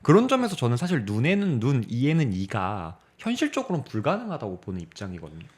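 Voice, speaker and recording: A young man co-hosting a talk podcast, reasoning aloud in a measured, reflective way. He pauses often to find words, and his pitch moves a lot as he makes his points. His voice sits in an ordinary middle register. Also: huge pitch swings. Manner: thoughtful, measured, pauses with filler sounds. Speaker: podcast co-host. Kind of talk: casual discussion of literature.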